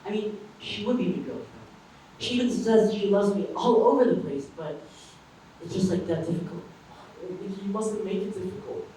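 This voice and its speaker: A man's voice: sits high, animated, normal speed, dark tone, recorded from a distance, a little hiss or hum. A young man acting an insecure, gawky working-class lad on a school stage, eager and self-mocking. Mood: flustered. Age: young adult. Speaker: student stage actor. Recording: echoey stage recorded from afar, music.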